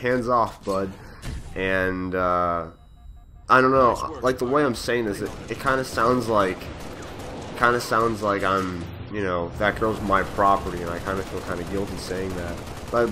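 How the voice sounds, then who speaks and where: A man's voice: lowish voice, a little slow, music in the background. A young man telling a story from his school days over game footage, rambling with many fillers and restarts. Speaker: gaming channel host. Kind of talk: casual storytelling over gameplay.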